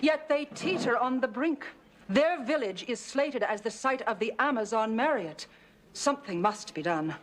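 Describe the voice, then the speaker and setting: A woman's voice: on the high side, lively intonation, normal speed, a little hiss or hum, natural voice. An actress playing a haughty society chairwoman. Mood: grand. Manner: grand, name-dropping, condescending. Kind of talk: sitcom acting.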